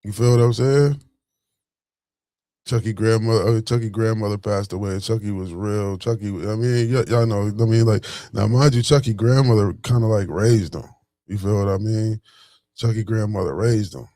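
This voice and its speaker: A man's voice: on the low side, moderate pace, mellow, dry recording. A man in his forties telling a story in a casual, rambling monologue full of fillers and restarts. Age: 40s.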